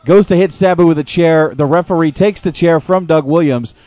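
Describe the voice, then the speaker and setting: A man's voice: fairly high pitch, fairly quick, a little mellow, no room sound. A man giving informal, critical wrestling commentary, narrating the action move by move like a play-by-play commentator. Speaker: host calling the matches as play-by-play commentator. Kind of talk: live wrestling commentary, conversational.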